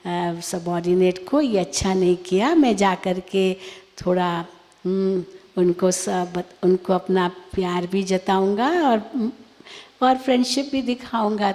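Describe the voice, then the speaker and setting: A woman gives a spiritual talk as a teacher answering questions. She speaks at an unhurried, measured pace and explains patiently through homely examples and rhetorical questions. Her voice carries a long reverb, as in a large hall. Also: mid-range voice, darkish tone.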